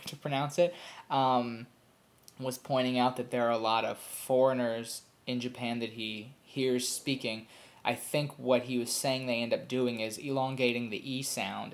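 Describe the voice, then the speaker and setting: A young man in a quick, casual home video, mid-pitched and rambling. He fills his talk with ums and restarts, and he stops to sound out short examples. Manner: demonstrates sounds aloud. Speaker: language learner explaining pronunciation.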